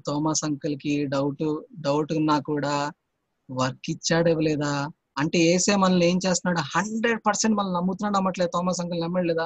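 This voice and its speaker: A man's voice: on the high side, no room sound. A man teaching a Sunday school Bible lesson to children, constantly quizzing them with repeated questions.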